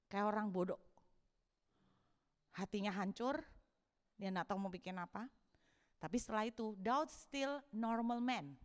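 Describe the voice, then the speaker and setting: A woman pastor preaching a sermon in an animated way, acting out scenes of shouting and crying. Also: on the high side. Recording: long hall reverb.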